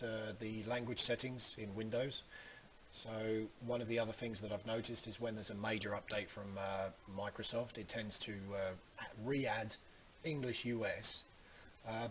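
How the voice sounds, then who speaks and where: A man giving a casual, conversational computer tutorial with some hesitation, recorded on a hissy boom microphone. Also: normal speed. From Australia. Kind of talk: casual screen tutorial narration. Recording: loud steady microphone hiss.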